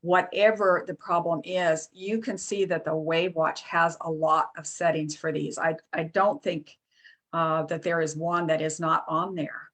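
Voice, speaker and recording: Low-voiced woman presenting casually. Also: little pitch movement, fairly bright tone. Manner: chatty, halting, with many fillers and restarts; reads lists aloud off a screen. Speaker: product presenter.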